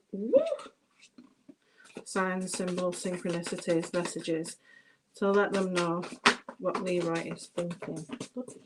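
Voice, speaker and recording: British lady doing a live tarot reading, lowish voice, chatty, thinks out loud. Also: background noise. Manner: chatty, addresses viewers by name, thinks aloud. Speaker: tarot reader.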